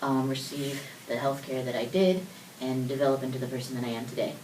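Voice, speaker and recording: A woman in her twenties, born in South Korea and raised in the United States, is a guest on a talk show, giving casual, talkative interview answers with laughter. Her voice is rumbling low, level, brisk, and warm, captured off mic from a distance with roomy echo and faint noise.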